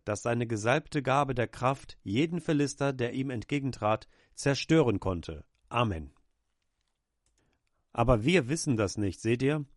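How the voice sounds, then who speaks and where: A man's voice: medium pitch, no echo. Fervent male preacher, dry sound. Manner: fervent preaching, acts out quoted cries. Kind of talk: sermon.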